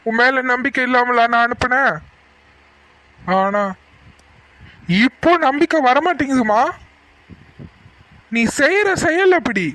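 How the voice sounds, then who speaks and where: A man voicing a stern cartoon father, high and dry. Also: slow pace, long pauses, no echo, poor audio. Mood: reproachful. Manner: scolding, then softly apologetic. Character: stern middle-aged father, quick to anger. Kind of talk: cartoon voice acting.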